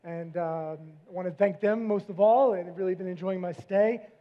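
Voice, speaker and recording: Man, high voice, presenting researcher, quick talker, muffled lo-fi recording. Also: steady tone. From United States. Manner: self-described fast talker, frequent fillers. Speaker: visiting cover crop researcher. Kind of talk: conference presentation with slides. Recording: dull lo-fi recording.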